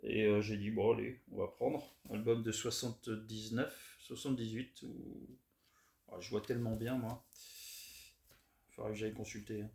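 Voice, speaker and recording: A man chatting casually as he shows off his record finds, relaxed and hesitant with many fillers. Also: on the low side, moderate pace, vocal fry. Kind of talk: casual unboxing chat. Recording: roomy echo, faint noise.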